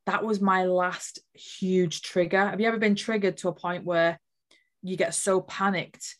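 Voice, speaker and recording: A woman's voice: lowish voice, steady tone, unhurried. A woman earnestly telling a personal spiritual story as an interview guest, emotional and full of fillers.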